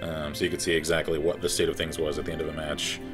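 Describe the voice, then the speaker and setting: A man's voice: very deep voice, level tone, fast talker, over music. A man chatting enthusiastically as he streams a video game and reads its tutorial text aloud. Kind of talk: casual game commentary.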